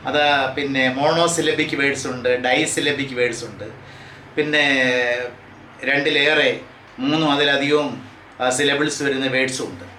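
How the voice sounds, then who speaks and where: A man lectures on grammar for exam students, his voice bright and a little high. He reads each rule out slowly, then drills the word forms one after another. The room is echoey, with a faint hum of ambience behind him. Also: fairly even intonation. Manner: reads English rules out slowly, then explains them at a quicker pace. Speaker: English grammar teacher.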